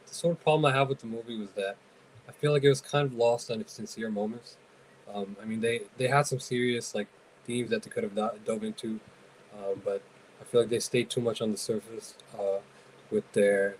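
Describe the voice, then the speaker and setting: Casting: Canadian male co-host, measured and hesitant, light hiss under the voice. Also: lowish voice, poor audio. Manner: measured, hesitant with many ums and uhs. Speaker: podcast co-host. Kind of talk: casual chat.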